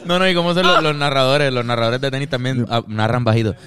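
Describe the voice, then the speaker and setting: A man with a Puerto Rican accent chatting casually with friends on a podcast, relaxed and laughing, full of slang. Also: medium pitch, fast, very noisy. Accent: Puerto Rican Spanish. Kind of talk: casual chat.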